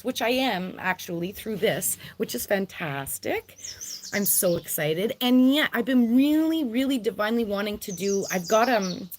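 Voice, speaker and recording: A spiritual vlogger who also works as a social worker hosts a live stream from an outdoor deck. Her voice is mid-range with slight background noise, and her talk is effusive and rambling, punctuated by frequent laughter.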